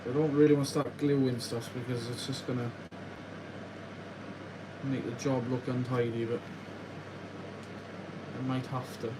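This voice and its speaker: In a very noisy recording, a young adult from West Wales speaks in a flat, mid-range voice at a measured pace with long pauses. He's a chatty livestreamer building a model farm at an indoor bench, reading viewer questions out and muttering to himself while working.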